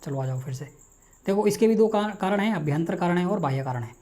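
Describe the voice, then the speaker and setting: Fast-talking male Hindi lecturer, warm tone. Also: high-pitched, animated. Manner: rapid, repetitive, quizzes himself aloud. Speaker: teacher. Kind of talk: online exam-prep lecture.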